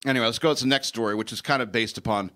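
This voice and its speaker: A man's voice: medium pitch, rapid-fire, pushed and bright. A man hosting a talk show, delivering a blunt, emphatic, opinionated news rant and repeating phrases for effect.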